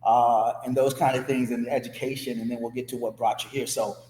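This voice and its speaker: A man's voice: mid-range voice, flat delivery, fairly quick, darkish tone, reverberant, big-room sound, slight background noise, poor audio. A man hosting an interview, chatty, often repeating words as he frames his questions. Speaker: host. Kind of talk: conversational interview.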